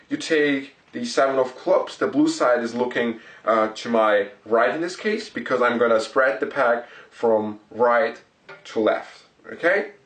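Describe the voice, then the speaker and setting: Man, magic tutorial presenter, deliberate explanatory delivery, short phrases, medium pitch, roomy distant recording. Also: fairly bright tone. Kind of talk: card trick performance and step-by-step tutorial. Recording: roomy echo, distant microphone.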